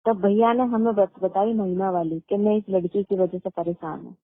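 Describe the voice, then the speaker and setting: A woman's voice: medium pitch, steady tone, normal speed, no echo. Indignant woman on a tinny phone line. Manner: emphatic, indignant, talks at length. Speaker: caller. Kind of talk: phone conversation.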